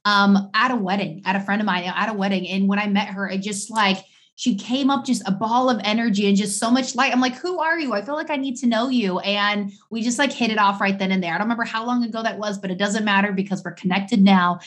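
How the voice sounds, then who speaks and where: A woman's voice: mid-range voice, fast, few pauses, a bit bright. Bubbly woman hosting a podcast. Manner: bubbly and enthusiastic. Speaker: podcast host.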